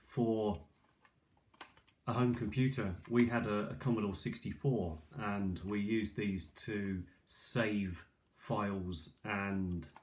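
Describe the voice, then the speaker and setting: A middle-aged man presents old cassette tapes for a video, sitting at a kitchen table and musing aloud in a hesitant, rambling, casual way. He speaks slowly in a low, steady, darkish voice. The ageing iPad's built-in microphone leaves clicks and clear noise on the recording.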